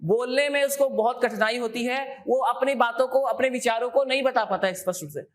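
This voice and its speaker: Female coaching-class teacher with a higher pitch, keeps asking students questions back. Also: fairly quick. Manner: repeats key terms, quizzes students with questions. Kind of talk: exam coaching lecture.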